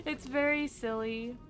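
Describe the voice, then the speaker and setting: A young woman streaming a game, chatting casually and giggling as she talks to the characters. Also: fairly high pitch. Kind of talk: casual gameplay commentary. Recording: game sound noise behind.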